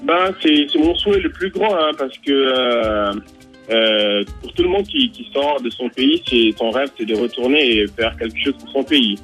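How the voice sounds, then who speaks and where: A man from Senegal with a slight Brazilian accent, calling into a radio show over a lagging long-distance phone line and speaking hesitantly with many pauses and fillers. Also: medium pitch, animated, a bit bright, soft background music. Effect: delayed long-distance phone line. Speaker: caller.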